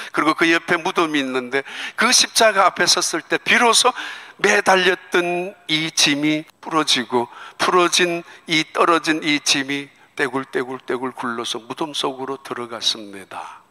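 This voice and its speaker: A middle-aged male pastor delivers a sermon in a high, ringing voice. He moves between soft, almost whispered lines and soaring, cried-out peaks. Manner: dramatic swings from hushed to cried-out passages.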